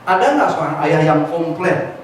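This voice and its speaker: A man's voice: a little high, normal speed. A man giving a motivational seminar talk who keeps calling on the audience to answer, mixing in English phrases. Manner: lively, calls on the audience to answer. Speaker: motivational speaker. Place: large hall with an audience. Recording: echoey hall, far mic, noisy.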